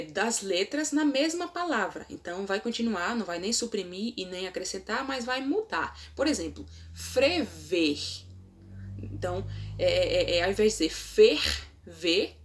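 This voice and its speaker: A woman giving a video lesson, explaining with many examples, tag questions and hesitant restarts. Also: mid-range voice. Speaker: teacher. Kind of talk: video lesson on Portuguese phonology.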